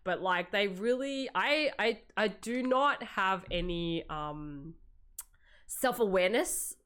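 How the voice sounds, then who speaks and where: A woman chatting casually on a live stream, projecting loudly through a compressed mic and often repeating words as she goes. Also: mid-range voice, lively intonation, takes it slowly, clean tone. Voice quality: loud, projected voice. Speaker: streamer and convention MC. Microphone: streaming mic setup with compressor.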